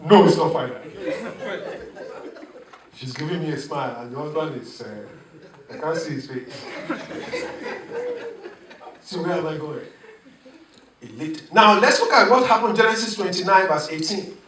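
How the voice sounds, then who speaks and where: A pastor preaches to his congregation, animated and chuckling as he goes, calling for responses. His voice sits a little high for a man. The church is echoey and he sounds set back from the mic. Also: normal speed, long pauses, far from the mic, over a noisy crowd. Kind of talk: sermon.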